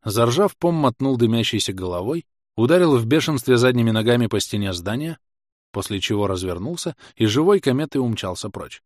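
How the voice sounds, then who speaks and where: Lively male audiobook narrator. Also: medium pitch, fairly quick, no echo, clean studio sound. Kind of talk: first-person fantasy narration.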